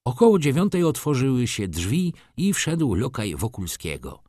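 A man narrating a novel in the first person for an audiobook, with expressive storytelling emphasis. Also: medium pitch, moderate pace, breathy edge, dry recording, clean studio sound.

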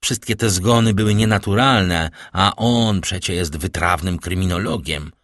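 A man's voice: deep voice, normal speed, a bit bright, no echo, clean studio sound. A man reading aloud as a grave, fatherly nobleman, speaking in a solemn, reassuring way.

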